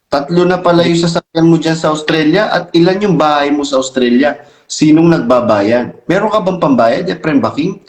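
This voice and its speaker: Isang lalaking host ng channel sa kaswal na kuwentuhan, masigla at minsan nanenermon. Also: male voice, a little high, moderate pace. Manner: animated, scolding when addressing critics. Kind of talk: casual chat. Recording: echoey room.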